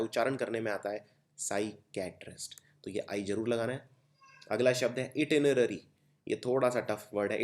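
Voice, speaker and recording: Casting: young Indian-accented male tutor, lowish voice, patient letter-by-letter spelling lesson. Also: a little mellow. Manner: explains step by step, spells words out letter by letter. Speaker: teacher. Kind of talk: exam-prep vocabulary lesson.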